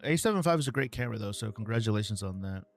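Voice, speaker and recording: A man's voice: on the low side, animated, rapid-fire, faint music behind. Laid-back man hosting a live Q&A. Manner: laid-back, calls viewers man and bro, many ums and uhs. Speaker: livestream host answering viewer questions. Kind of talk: casual live Q&A chat.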